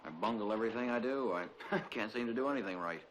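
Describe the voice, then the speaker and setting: A man's voice: medium pitch, lively intonation, fast talker, a little hiss or hum, lightly acted, rough recording. An actor playing a hesitant, self-doubting young man with artistic dreams in a 1960s TV western. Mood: troubled. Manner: hesitant, apologetic.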